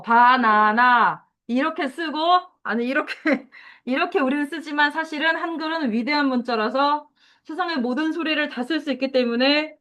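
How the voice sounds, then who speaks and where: A woman teacher giving a lively, chatty lecture to middle schoolers, talking straight to the class and drawing out key words slowly. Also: high-pitched. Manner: lively, chatty, addresses students directly.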